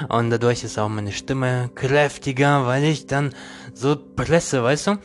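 A man's voice: medium pitch, steady tone, slow. Man, jokey rambling podcast monologue, slangy, keeps asking the listener, faint guitar underneath. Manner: addresses listener directly, constant tag questions; slangy, jokey, laughs between lines.

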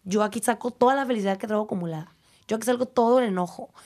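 A woman's voice: medium pitch, rapid-fire. A young woman with a Mexican accent, a dancer and teacher, talking reflectively in an interview and acting out what people say. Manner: reflective, animated, acts out quotes. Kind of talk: casual interview talk.

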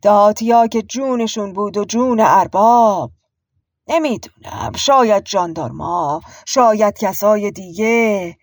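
A woman voicing a weary middle-aged man who speaks slowly and hesitantly. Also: mid-range voice, no echo, clean studio sound, close to an everyday voice. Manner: slow and hesitant.

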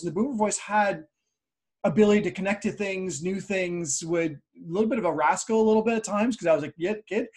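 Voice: mid-range voice, darkish tone, husky. A show host in a casual interview chat, talking in a rambling way and restating phrases.

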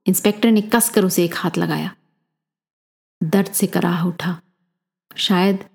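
A woman reads a dramatic story aloud in a measured, expressive storytelling manner. Her voice is warm and mellow, with an ordinary middle pitch. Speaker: narrator.

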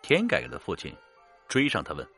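A man narrating a horror story in a measured, dramatic way, slowing down for suspense. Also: very deep voice, huge pitch swings, pushed and bright, faint music behind.

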